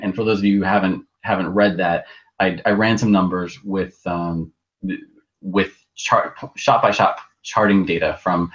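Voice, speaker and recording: A man talking as a podcast co-host in casual chat, heard through a low-quality internet call, halting and often restarting his words. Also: a bit bright. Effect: low-quality internet call audio. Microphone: video call. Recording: dull lo-fi video call line.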